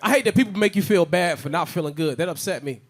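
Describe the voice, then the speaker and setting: A young man from Chicago doing an animated stand-up set, slipping into shouted character voices. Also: high-pitched, quick pace. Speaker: stand-up comedian.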